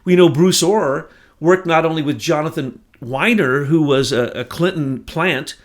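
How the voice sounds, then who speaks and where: A man co-hosting a political talk show, speaking in an indignant, emphatic way that rises to near shouts. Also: fairly high pitch, unhurried. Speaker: podcast co-host. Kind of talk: heated political commentary.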